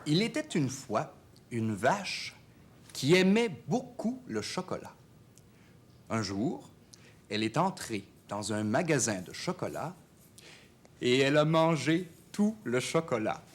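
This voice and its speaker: A woman's voice: a bass voice, big pitch swings, slow pace, pauses often, husky, full character voice. A woman telling a silly story to children in a playful way, asking the listeners questions.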